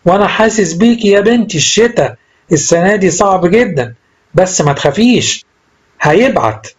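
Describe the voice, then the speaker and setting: A man voicing a gentle old bishop. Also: sits high, brisk, breathy edge, pitched above the performer's own voice. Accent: Egyptian Arabic. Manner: gentle, fatherly and calm.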